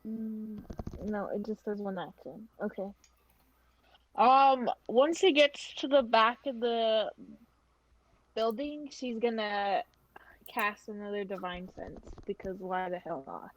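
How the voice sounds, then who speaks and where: A woman casually playing a tabletop game, blunt and prone to swearing. She speaks slowly. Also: medium pitch, no echo, poor audio. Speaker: player.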